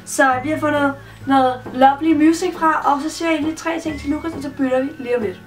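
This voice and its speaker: A woman's voice: high voice, steady tone, far from the mic. A young woman chatting casually in a home vlog, teasing her younger brother and humming bits of songs. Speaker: vlogger. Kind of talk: casual chat. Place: home bedroom. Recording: voice a bit off-mic with loud music behind.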